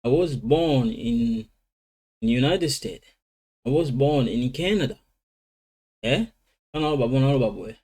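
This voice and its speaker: Man slowly drilling English vocabulary. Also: medium pitch, expressive, dark tone, husky. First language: Lingala. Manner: switches between languages, slow drilling of English words. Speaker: language teacher. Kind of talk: informal vocabulary lesson.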